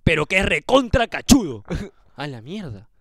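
A man with a Peruvian accent co-hosting a podcast, reading out donations with crude, mocking jokes and frequent swearing that bursts into shouts. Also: a little high, sing-song, a little slow, no echo, clean studio sound. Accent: Peruvian Spanish. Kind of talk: crude comedic banter.

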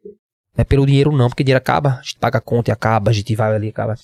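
A man in his twenties with a Northeastern Brazilian accent, telling his story as a podcast guest, slangy and animated, acting out what others said. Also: mid-range voice, very fast, gravelly, no echo, clean studio sound. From Pernambuco, Brazil. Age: 20s. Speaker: guest, MMA fighter.

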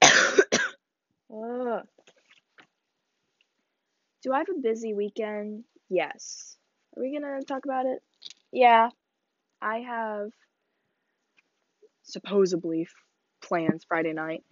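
A woman's voice: a little high, slow, long pauses, fairly bright tone, dry recording, lo-fi sound. A teenage woman hosting a casual solo podcast, chatty and rambling, sniffling and laughing as she talks. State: sniffly, coughing. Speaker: podcast host. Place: small bedroom.

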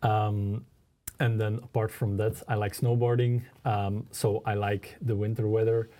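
A man's voice: on the low side, level tone, measured pace, warm tone. A man co-hosting a podcast in English, chatting casually with many ums and uhs. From Belgium. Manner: hesitant, many fillers. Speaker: consultant and podcast co-host.

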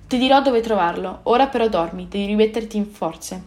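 A woman's voice: medium pitch, brisk, darkish tone, close to an everyday voice. A woman voicing a kindly old island man. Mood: reassuring. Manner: fatherly and reassuring.

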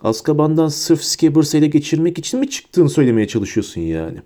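A man's voice: a little high, big pitch swings, a little fast, dark tone. A man voicing a doubtful teenage boy in an audiobook, speaking in a weak, skeptical voice. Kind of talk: audiobook character voice.

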